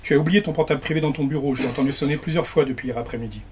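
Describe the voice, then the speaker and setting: A man's voice: a little high, very fast, a little mellow, slight background noise, lightly acted. A man reading the part of a playful, teasing retired policeman husband, at a bookshop reading. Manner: teasing, bantering. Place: bookshop reading before an audience.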